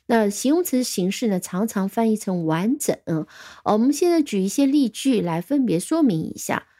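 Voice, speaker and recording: A woman's voice: medium pitch, animated, normal speed, dark tone. A woman teaching an English vocabulary lesson in Chinese, patiently spelling words letter by letter and giving example sentences.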